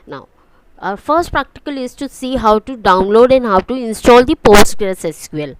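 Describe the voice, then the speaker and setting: A woman's voice: fairly high pitch, lively intonation, normal speed, background noise. A woman with an Indian English accent teaching an online computer class, explaining step by step and often checking "okay?" with her students. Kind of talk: online lecture.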